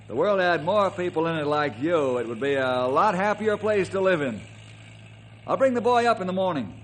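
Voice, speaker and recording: An actor playing a kindly, earnest American ranger in an old-time western radio drama, with a folksy, reassuring manner. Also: male voice, high-pitched, animated, moderate pace, a bit bright, a little hiss or hum. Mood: earnest, persuasive.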